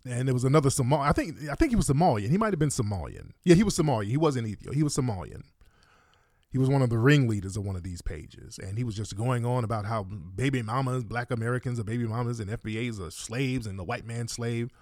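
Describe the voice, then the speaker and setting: A man hosts a livestream in a boastful, heated, slang-heavy way. His voice sits at a middling pitch, and the sound is close and dry with no room around it. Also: expressive, quick pace, a little mellow, no room sound. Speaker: livestream host. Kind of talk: combative commentary.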